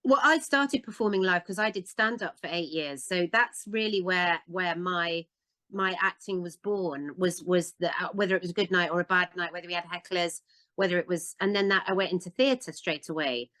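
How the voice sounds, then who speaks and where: A woman's voice: on the low side, normal speed, pushed and bright, no room sound. A woman in her fifties with an English accent, chatting as an interview guest, full of fillers and restarts. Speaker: guest actress. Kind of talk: casual interview chat.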